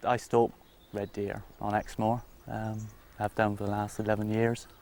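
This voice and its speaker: Low, even-voiced man explaining informally. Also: normal speed. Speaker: deer stalker.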